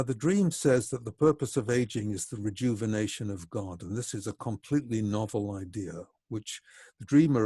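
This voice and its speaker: A man with a low voice gives a reflective lecture in a measured, explanatory way. His tone is husky and mellow. The sound is dry and close. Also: no room sound. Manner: measured and explanatory, slowing for emphasis.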